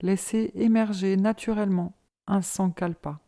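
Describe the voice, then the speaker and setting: Slow, mellow woman guiding meditation. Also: mid-range voice. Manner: calm, measured, deliberate phrasing. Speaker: yoga nidra teacher. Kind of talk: guided meditation, slow instructions.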